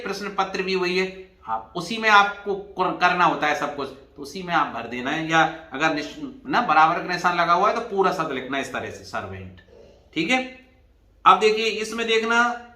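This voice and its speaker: A man's voice: high voice, pushed and bright, roomy sound. A man teaching an exam revision lesson, explaining patiently and spelling words out letter by letter. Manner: addresses students as "bhai".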